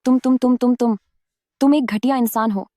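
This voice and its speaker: A woman's voice: on the high side, fairly even intonation, normal speed, dark tone, no echo, natural voice. A woman playing a flustered young street vendor. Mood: angry. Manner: flustered, stammering. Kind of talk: dubbed drama acting.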